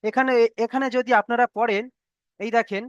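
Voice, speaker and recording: This teacher runs an online class on reading Arabic letters for the Quran, with a smooth, resonant voice in a dry, close sound. Each rule comes slowly and gets repeated again and again. Frequent checks of "okay?" keep the students following along. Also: medium pitch, steady tone, no room sound, highs cut off.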